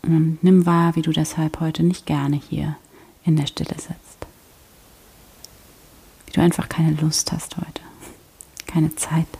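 A woman guiding a prayer meditation in a soft, slow, half-whispered voice. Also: sits low, little pitch movement, vocal fry, slightly rough. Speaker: prayer guide.

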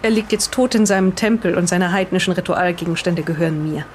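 A mid-range, natural voice delivers a solemn reading with slight background noise behind it. The performer portrays an earnest, defensive islander in an improvised radio play, pacing the words deliberately like someone reading aloud.

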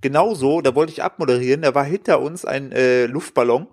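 A man's voice: medium pitch, brisk, darkish tone. A man in his twenties co-hosting a casual chat, telling stories in a rambling, slangy way with many fillers. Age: 20s. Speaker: podcast co-host.

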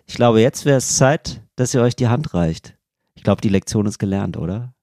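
A man voicing a woman mediator who is soft, preachy and annoying on purpose. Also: low voice, animated, gravelly, no echo, clean studio sound, pitched below the performer's own voice, heavily acted. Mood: smug. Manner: slow, syrupy, patronizing.

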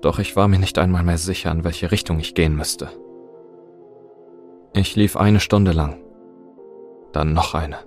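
A man's voice: deep voice, fairly even intonation, measured pace, long pauses, darkish tone, soft background music. A man narrating a scripted first-person horror story in a tense, dramatic way.

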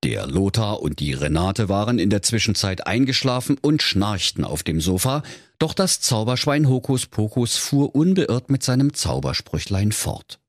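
A man's voice: on the low side, big pitch swings, normal speed, no echo, studio quality. A middle-aged man with a Saxon accent narrating a comic fairy tale playfully for children. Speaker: storyteller.

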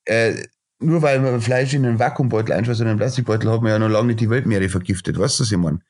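A middle-aged chef and restaurateur rants bluntly in a casual podcast interview, his speech full of fillers and repeated starts. His voice is on the low side, fast, with a darkish, slightly rough tone.

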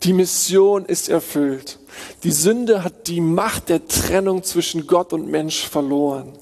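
Gravelly-voiced male preacher in a reverberant hall. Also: a little high, takes it slowly. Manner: emphatic repetition of short phrases, swinging between hushed and urgent. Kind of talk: sermon.

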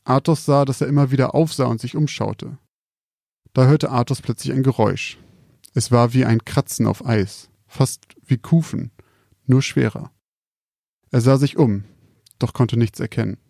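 A man calmly reading out a scripted spooky story in a measured, quiet storytelling manner. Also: medium pitch, gravelly, no echo, clean studio sound.

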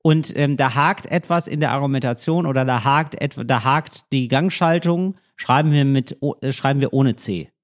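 A man's voice: mid-range voice, normal speed, few pauses. A man co-hosting a casual podcast, playful and musing as he rambles through his own theories. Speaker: podcast co-host. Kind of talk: casual chat.

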